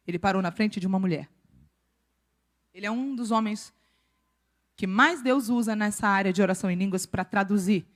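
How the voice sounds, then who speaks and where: Animated woman preaching a lively sermon. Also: on the high side. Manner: animated, playful, acts out quotes and accents.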